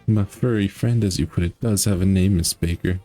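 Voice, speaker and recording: A haughty, genteel widow from a mystery game, voiced by a man reading her lines. She speaks in a pompous, condescending way, in a very low, deep voice. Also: fairly quick, dark tone, soft background music, lightly acted. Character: haughty older woman suspect, a widow.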